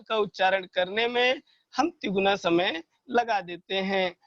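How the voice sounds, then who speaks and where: A man with a fairly high voice teaches children grammar in an online lesson, explaining patiently and stretching out the sounds he demonstrates. The recording is dry and dull, with little high end. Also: fairly bright tone, no room sound. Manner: slow, patient explaining, drawing out sounds as examples.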